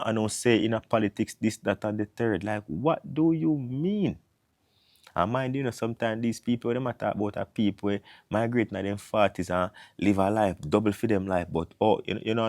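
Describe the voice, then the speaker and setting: With a fairly low, slightly mellow voice, a man from Jamaica in his thirties vlogs to camera in a casual monologue. He speaks English with a Jamaican accent, slipping patois in, and the studio-quality recording has no echo.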